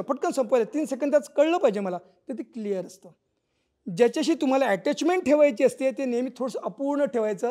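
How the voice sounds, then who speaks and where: A man's voice: extremely high pitch, darkish tone. A middle-aged man, a cartoonist giving an explanatory illustrated talk on wordless cartoons, now and then acting out the characters' lines. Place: auditorium stage.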